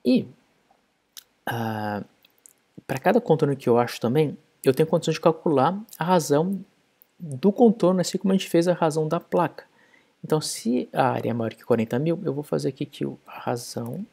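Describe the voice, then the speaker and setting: A man's voice: on the high side, expressive, moderate pace, creaky, mellow, slightly rough. A man explaining code step by step in a programming tutorial screencast. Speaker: programming instructor.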